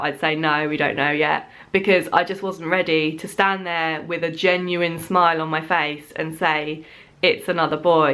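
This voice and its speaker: A woman in her thirties telling a personal story to camera in a candid, reflective way, with frequent "um"s and soft laughs. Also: fairly low pitch. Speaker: vlogger.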